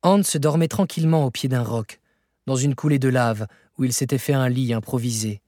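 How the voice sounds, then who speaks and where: Man, audiobook narrator, husky voice, dry close sound, measured expressive storytelling. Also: medium pitch, dry recording. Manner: measured, expressive reading that rises for dramatic moments. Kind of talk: scripted narration of a novel.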